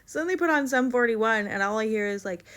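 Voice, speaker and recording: A young woman casually telling a story to camera, animated and full of likes, acting out what others said. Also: on the high side, fast talker. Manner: animated, quotes others in livelier voices, many likes. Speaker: vlogger telling her birth story.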